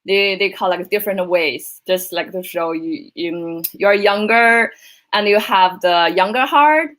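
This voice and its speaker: A woman from China with Chinese as her first language, speaking as a panelist, halting with many fillers. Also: mid-range voice, fairly bright tone, poor audio. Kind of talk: casual conversation.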